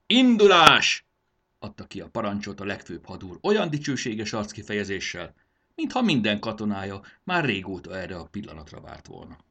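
Expressive lively storybook narrator, man. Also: fairly low pitch, slightly rough. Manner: expressive reading, does character voices.

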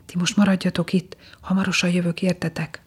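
A woman's voice: on the low side, level tone, breathy edge. A woman voicing an eager, brave young prince who speaks in a whisper in a storybook reading.

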